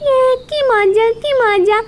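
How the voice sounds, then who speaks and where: A woman's voice: very high-pitched, unhurried, a little hiss or hum, voice pushed up. A woman doing a tiny pleading little girl. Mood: overjoyed. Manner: pleading, repetitive and sing-song. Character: small excited young girl, whiny and pleading.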